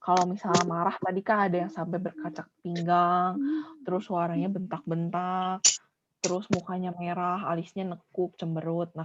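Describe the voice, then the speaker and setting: A woman's voice: fairly low pitch, muffled recording, slight background noise. A woman school counselor a slight lilt patiently explaining feelings to children, mixing in some English. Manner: patient, explains to children and acts out example voices. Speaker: school counselor teaching a class. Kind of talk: online class lesson.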